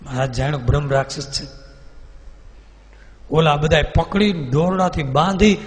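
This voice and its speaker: A male preacher, telling a devotional story with vivid, animated delivery. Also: a little high, normal speed, a little hiss or hum. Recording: reverberant hall.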